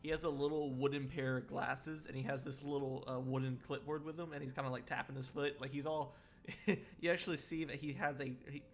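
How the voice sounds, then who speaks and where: A man's voice: mid-range voice, little pitch movement, brisk, a little hiss or hum. A man narrating a tabletop role-playing game as game master, rambling and chuckling with many fillers.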